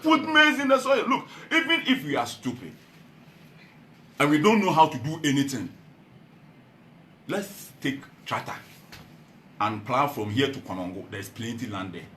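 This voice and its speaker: A man with a Ghanaian accent speaks to a meeting in a rousing political speech. His pitch swings widely as he shifts from loud calls to low, earnest tones. The room sounds echoey, with faint ambient noise behind him. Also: big pitch swings, normal speed, pauses often. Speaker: party founder addressing a meeting.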